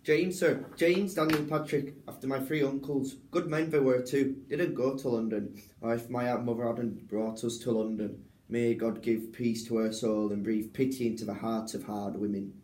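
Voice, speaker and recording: A meek, self-excusing convict pleads in a rambling Irish lilt that slips in and out, as a young man acts him out in rehearsal. The voice is mellow and unforced, sitting at an everyday pitch. A roomy echo hangs around every line. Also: fairly even intonation, moderate pace, close to an everyday voice. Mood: pleading. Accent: put-on Irish, wavering. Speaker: drama student. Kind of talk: rehearsed stage reading.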